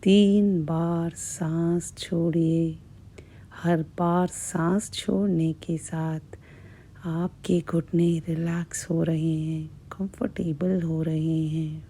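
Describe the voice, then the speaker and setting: A woman hypnotist guiding a relaxation in a hushed, breathy, measured voice, repeating soothing phrases with long pauses. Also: sits low, level tone. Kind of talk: slow, soothing guided hypnosis.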